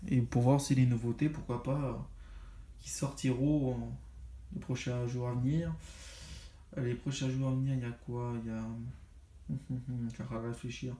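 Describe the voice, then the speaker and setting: A man's voice: medium pitch, little pitch movement, moderate pace, warm tone. A man casually reviewing games he bought, talking in a rambling way with many fillers. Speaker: video game collector vlogger.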